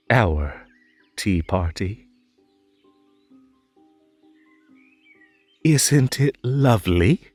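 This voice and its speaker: A man's voice: lowish voice, full character voice. A man playing a whimsical, lonely and possessive magical rabbit host in a roleplay audio drama, coaxing theatrically with stammers and nervous giggles. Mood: eager, delighted.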